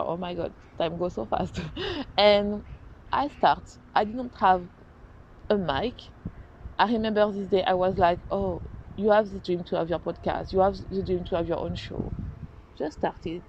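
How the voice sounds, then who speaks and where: A woman with a French accent and a medium-pitched, slightly mellow voice hosts her own podcast, talking earnestly and animatedly in a casual solo style. She often restarts and corrects herself, and the recording has a dull lo-fi sound with faint noise.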